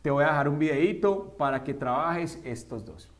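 A man teaching English grammar at a whiteboard, asking his students questions and answering them himself, slowing down for the English examples. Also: on the high side. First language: Spanish. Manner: slows down to spell out English examples.

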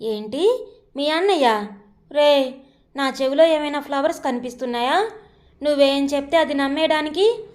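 A woman voicing a feisty, quarrelsome young woman who fires back quick retorts. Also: sits high, lively intonation. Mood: scolding.

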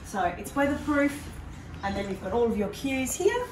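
This prize home tour features a female presenter whose high, very animated voice moves at a normal pace as she upbeatly points things out. She's heard from a few steps away by a trailing handheld camera, with echoey empty rooms, a deck, and a noisy background in the big modern house.

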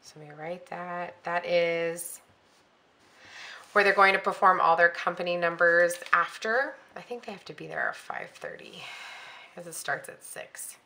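Chatty bright-voiced woman planning aloud. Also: fairly low pitch, unhurried. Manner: chatty, thinking aloud with frequent ums and self-corrections. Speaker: planner vlogger. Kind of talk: casual planning walkthrough.

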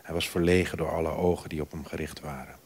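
A man reading a novel excerpt aloud at a literature festival, in a measured voice that drops to a hush at line ends, on a theatre stage. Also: very deep voice, steady tone, slightly rough. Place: theatre stage before an audience.

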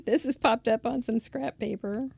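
A middle-aged woman hosting a casual crafting tutorial, chatty and quick to laugh at her own mistakes. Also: a little high, creaky, darkish tone, slightly rough, no echo. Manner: chatty, self-deprecating, laughs at herself. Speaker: craft show host.

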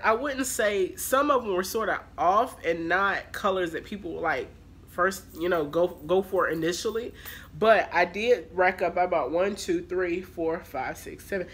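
Woman vlogger, congested and nasal, chatty and filler-heavy, bright tone. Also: mid-range voice, unhurried, breathy edge. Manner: rambling, filler-heavy talk. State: congested with allergies. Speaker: haul vlogger. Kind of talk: casual chatty vlog.

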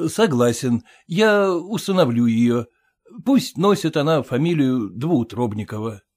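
Man playing a flustered gentleman. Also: mid-range voice, lively intonation, unhurried. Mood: cheerful. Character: flustered young gentleman, timid then cheerful.

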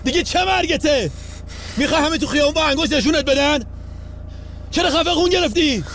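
An actor playing a jealous, possessive husband who argues in a heated, accusing way. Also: male voice, very high-pitched, a bit bright, a little hiss or hum. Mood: angry.

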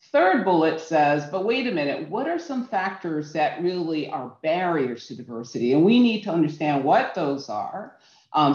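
A middle-aged woman from Barbados giving a workshop talk over a video call, earnest and measured, with frequent ums and restarts. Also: low voice, darkish tone. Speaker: workshop speaker. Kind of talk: virtual workshop presentation. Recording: roomy, dull video-call audio.

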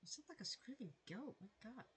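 Tired woman streamer, bright lively voice. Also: a little high, normal speed. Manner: reacts with frequent laughter and exclamations. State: tired late at night. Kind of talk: live gameplay commentary.

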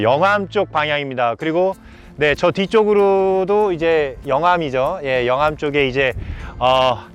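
Outdoors on a gusty mountain top, the fairly high-voiced vlogger presents his travel video with polite, formal phrasing, breaking off now and then to marvel at the view. Soft music accompanies him.

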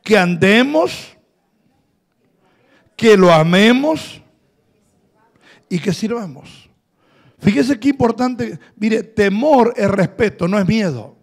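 A man preaching, his voice sitting high for a man. A gravelly fry runs through his delivery. He drives points home with repetition and has the congregation echo his words back. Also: lively intonation, takes it slowly, pauses often. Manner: emphatic preaching with call-and-response repetition. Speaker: pastor. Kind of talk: sermon.

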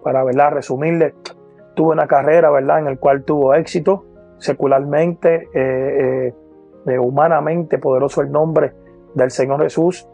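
A man in his forties with a Puerto Rican accent, an evangelist giving his personal testimony to camera, earnest, often pausing on "eh" and repeating praise phrases. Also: fairly high pitch, steady tone, vocal fry, mellow, slightly rough, soft background music. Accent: Puerto Rican Spanish. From Puerto Rico. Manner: earnest, repeats "poderoso el nombre de Jesús", many "eh" and "¿verdad?". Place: indoor room with lamp, seated. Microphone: lapel mic.

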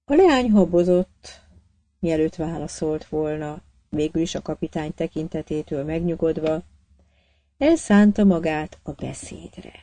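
A woman narrating an audiobook in a measured, even storytelling manner. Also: deep voice. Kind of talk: scripted narration.

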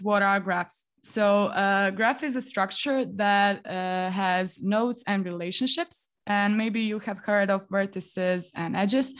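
Young croatian woman on a video call webcam mic, friendly workshop talk, lots of uhs, little laughs. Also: mid-range voice. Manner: friendly, laughs often, explains step by step with fillers. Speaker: developer relations engineer presenting a workshop. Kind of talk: live online technical presentation. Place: home room on a video call.

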